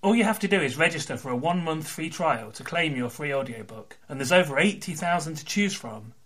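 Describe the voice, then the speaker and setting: A man's voice: fairly high pitch, animated, brisk, fairly bright tone. A man hosting a podcast, chatty and wry in an informal way. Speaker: podcast host. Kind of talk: conversational podcast interview with ad read.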